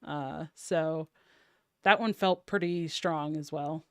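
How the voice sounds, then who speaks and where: A woman with a low, smooth voice chats about card games in a loose, filler-filled way. The sound is dry and close, with no room around it. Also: takes it slowly, fairly bright tone, no echo. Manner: chatty, many ums and likes. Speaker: podcast guest. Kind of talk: casual card game discussion.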